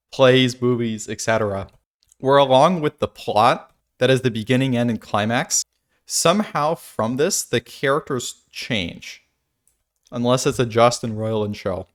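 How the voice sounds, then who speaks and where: Man musing aloud in a video essay. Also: mid-range voice. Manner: musing, thinks aloud with restarts and asides. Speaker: video creator. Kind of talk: casual philosophical monologue.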